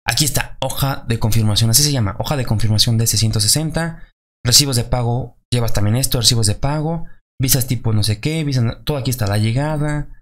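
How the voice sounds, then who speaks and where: A young adult man with a Mexican accent, talking loosely in a casual advice vlog, full of fillers and quick check-ins with the viewer. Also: medium pitch. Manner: chatty, loose, many fillers and tags like "¿sale?". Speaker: vlogger.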